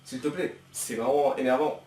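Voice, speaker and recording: A young man giving sarcastic reaction commentary with a teasing, quick-witted manner. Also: medium pitch, fairly even intonation, darkish tone, a little hiss or hum. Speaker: reaction youtuber. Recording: echoey room, distant from the mic.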